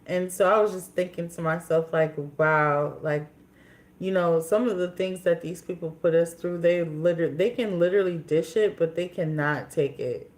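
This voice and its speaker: A woman's voice: fairly low pitch, steady tone, moderate pace, a little mellow. A woman in her twenties from Minnesota, chatting casually on a livestream in a candid, rambling way with many fillers and restarts. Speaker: livestream host.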